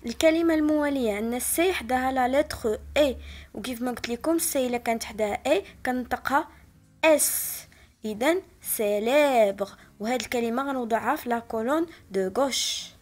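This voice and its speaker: A woman teacher with a Moroccan Arabic accent, patiently explaining a French spelling lesson and spelling out each word slowly. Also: high voice. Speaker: primary school teacher.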